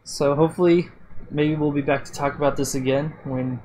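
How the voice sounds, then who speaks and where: A man co-hosting a podcast, calmly recapping episodes in a relaxed, hesitant way with many fillers. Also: fairly high pitch, a little fast, a little hiss or hum, rough recording. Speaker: podcast co-host. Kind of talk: casual chat.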